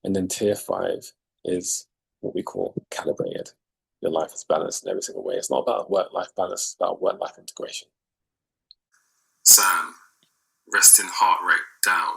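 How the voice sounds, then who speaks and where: A man's voice: deep voice, very animated, a little fast, vocal fry, a little mellow, slightly rough, poor audio. A man speaking as a leadership coach in an emphatic motivational monologue to camera, repeating key phrases for effect, recorded outdoors.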